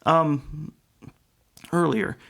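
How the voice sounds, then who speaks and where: A man's voice: a little high, steady tone, drawn-out words, creaky, fairly bright tone. A man co-hosting a casual podcast, reviewing a film bluntly and sarcastically. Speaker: podcast co-host. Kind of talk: casual movie review chat.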